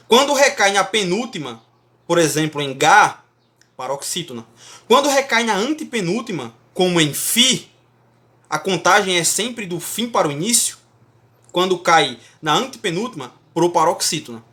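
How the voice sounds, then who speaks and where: A man's voice: sits high, sharp tone. A man teaching Portuguese grammar in a lecture, emphatic, often checking in with the class.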